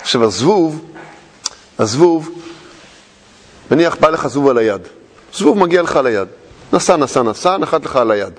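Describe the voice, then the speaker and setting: A man giving a lively sermon to a group as a religious teacher, telling stories with rhetorical questions and touches of humor. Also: a little high, long pauses. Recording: long hall reverb.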